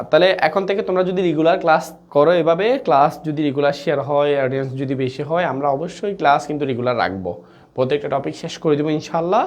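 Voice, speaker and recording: A man teaches a live online class, and his voice sits a little higher than most men's. He coaxes his students along, repeats the key points and keeps checking that they follow.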